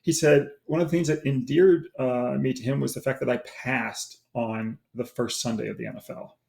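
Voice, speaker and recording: A man who grew up on the East Coast, a sports handicapper talking through his approach in a measured, casual way. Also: mid-range voice, steady tone, vocal fry, darkish tone. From East Coast of the United States. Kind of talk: casual chat.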